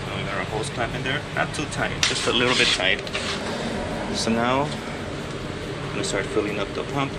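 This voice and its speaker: A man working as an HVAC technician, explaining his maintenance steps in a relaxed way with plenty of fillers, a little out of breath from his mask. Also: medium pitch, normal speed, long pauses, heavy background noise. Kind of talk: casual how-to narration while working. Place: house basement and yard, on a service call.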